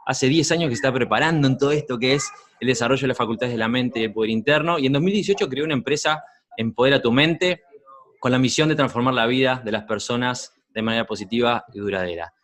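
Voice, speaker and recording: A man's voice: medium pitch, fast talker, fairly bright tone. A man with a Rioplatense Spanish accent, hosting a podcast in a friendly, curious, conversational way. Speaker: podcast host. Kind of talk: podcast interview.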